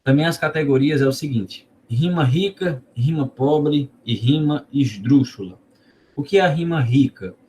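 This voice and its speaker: A man's voice: a little high, expressive, unhurried, darkish tone. A man with a Northeastern Brazilian accent teaching an online class in an informal way, asking the students questions and repeating words as he explains. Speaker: teacher of a cordel literature course.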